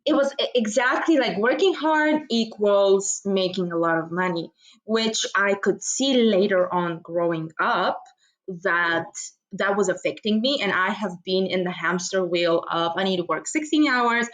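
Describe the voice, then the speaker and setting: A young woman from Bulgaria speaks as a podcast guest. Her voice sits in a middle range and she tells her story with animated, upbeat energy, leaping up in pitch when she stresses a point. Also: measured pace, low-quality recording. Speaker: podcast guest, business mentor. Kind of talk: podcast interview.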